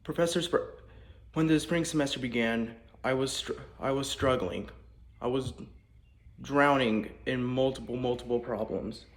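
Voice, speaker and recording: A man's voice: medium pitch, moderate pace. A young man, a student, giving an earnest, apologetic class speech that he reads from a script, recorded inside a house with the walls torn out. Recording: echoey bare room.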